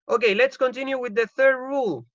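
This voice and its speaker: His voice is very high-pitched yet steady in tone, moving at normal speed and sounding a bit bright. He's a male English teacher with a Chilean accent teaching online from home, repeating rules in Spanish and checking in with "ok?" a lot. A computer mic on a video call makes the recording dry and dull.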